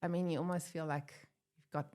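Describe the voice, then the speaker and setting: A woman airline pilot, born in Germany and brought up in South Africa, tells her story in a casual interview with a fairly low, dark voice. She talks briskly with fairly even intonation, chatting, laughing often, and acting out quotes.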